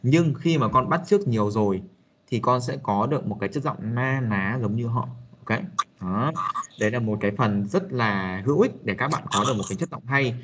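A man's voice: medium pitch, expressive, brisk, a bit bright, muffled recording, slight background noise. A man teaching a casual spoken English lesson, hesitant with many fillers, talking to a young student. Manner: hesitant, many fillers, addresses listener as a child.

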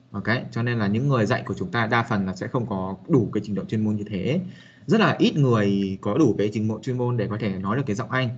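A man's voice: on the low side, breathy edge, lo-fi sound. A man teaching a casual spoken English lesson, hesitant with many fillers, talking to a young student. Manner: hesitant, many fillers, addresses listener as a child.

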